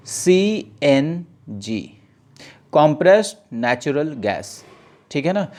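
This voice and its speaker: A male teacher giving an exam-prep lesson. He reads newspaper lines aloud in a slow, deliberate way. He keeps asking his students questions and then answers them himself. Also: medium pitch, a little mellow.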